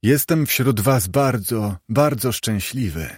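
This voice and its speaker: A man reading the part of a humble, grieving clerk and father, in a warm and earnest tone. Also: medium pitch, animated, slow, breathy edge, dry recording, studio quality. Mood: tender.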